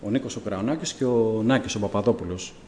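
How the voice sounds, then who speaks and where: A man, a deacon, telling his testimony to a church congregation in animated storytelling, acting out the dialogue of the people in it. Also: lowish voice, in a large hall, slight background noise.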